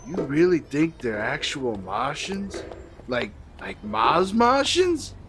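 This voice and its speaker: Lively 1930s beat cop, New flatfoot. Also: male voice, fairly high pitch, takes it slowly, over music, exaggerated voice. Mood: puzzled. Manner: old-time beat cop slang. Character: flirty, dim 1950s New York working-stiff flatfoot assistant. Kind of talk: period radio comedy acting.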